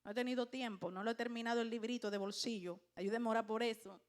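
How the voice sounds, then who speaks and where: A woman's voice: on the high side, steady tone, fast talker. A middle-aged woman pastor, preaching a sermon and firing questions at her congregation.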